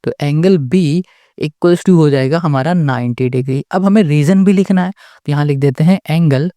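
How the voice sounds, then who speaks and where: A patient maths tutor walks through a problem step by step. The voice is warm and mellow. The tutor keeps asking rhetorical questions, checks in after every point, and is recorded dry and close with no room sound. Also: medium pitch, normal speed, dry recording. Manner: asks the class rhetorical questions and checks in with "okay?" often; patient and repetitive, restating each step.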